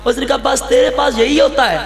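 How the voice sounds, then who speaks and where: A man's voice: extremely high pitch, fairly even intonation, brisk, gravelly, roomy sound. A man preaching to a gathering, acting out the voices in his stories and calling on the crowd to answer him. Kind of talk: religious speech at a gathering.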